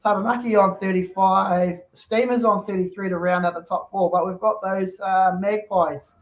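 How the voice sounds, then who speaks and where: High-voiced man hosting on a dull recording. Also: fairly even intonation, normal speed. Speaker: host. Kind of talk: casual chat.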